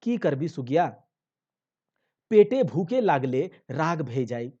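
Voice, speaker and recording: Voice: mid-range voice, big pitch swings, slow pace, warm tone. A teacher voicing a poor village husband who coaxes his wife and flares up in anger in a play reading. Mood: soothing. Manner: coaxing. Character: poor hungry village husband, coaxing and hot-tempered. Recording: dull lo-fi.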